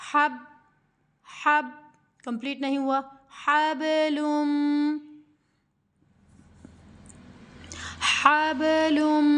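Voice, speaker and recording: A woman Quran teacher with a Pakistani Urdu accent, giving a patient step-by-step recitation lesson that spells out sounds syllable by syllable and poses questions to her students. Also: sits high.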